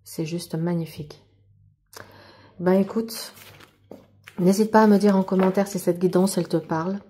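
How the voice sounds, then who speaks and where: Here a tarot card reader delivers her monthly reading in a warm, fairly low voice that stays steady at a moderate pace. Her style is relaxed and spiritual, aimed straight at the viewer, with frequent enthusiastic bursts of amazement over what the cards show.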